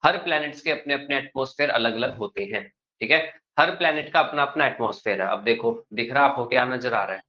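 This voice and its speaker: A man teaching a classroom lecture, speaking calmly and without hurry and checking in with his students often. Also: medium pitch, quick pace, muffled recording.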